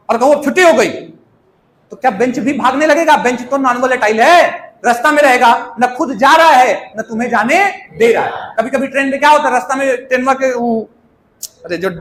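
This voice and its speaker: High-voiced playful chemistry teacher. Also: male voice, a bit bright, reverberant. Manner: chatty, asks students questions, playful. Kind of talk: lively classroom lecture with everyday examples.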